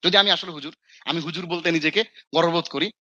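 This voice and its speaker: A man's voice: a little high, quick pace, pushed and bright, no room sound, highs cut off. A man from Bangladesh, mentoring students in casual talk, who acts out his scolding and mixes in English phrases. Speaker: Islamic scholar and mentor.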